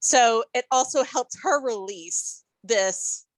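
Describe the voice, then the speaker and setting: Thoughtful woman co-host, slightly high voice. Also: animated, no echo. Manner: thoughtful, halting with many ums and restarts. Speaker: podcast co-host. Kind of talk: casual episode review chat.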